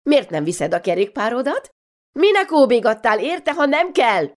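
Woman doing an exasperated scolding mother, rapid-fire nagging questions, swooping lively pitch, storybook reading.

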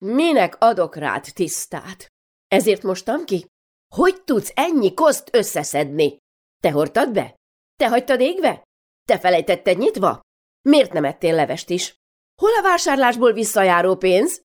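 A woman reading aloud, voicing an exasperated mother who scolds her daughters with rapid-fire nagging questions. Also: mid-range voice, big pitch swings, pitched above the performer's own voice.

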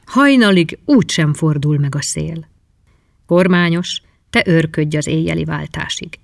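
A man voicing a hot-tempered old sea captain who shouts and blusters in a storybook reading. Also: on the high side, creaky, no room sound, clean studio sound. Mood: gruff.

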